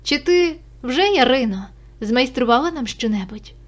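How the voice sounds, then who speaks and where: A woman's voice: sits high, expressive, moderate pace. A woman voicing a stern, worldly old Cossack father who gives firm, instructive advice to his son.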